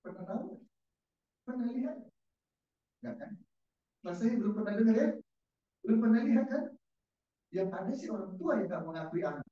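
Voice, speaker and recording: A man's voice: high voice, lively intonation, fairly quick, long pauses, mellow. Distant echoey pastor quizzing his congregation. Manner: casual, keeps quizzing the congregation. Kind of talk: interactive sermon. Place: church service. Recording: echoey church hall, distant dull mic.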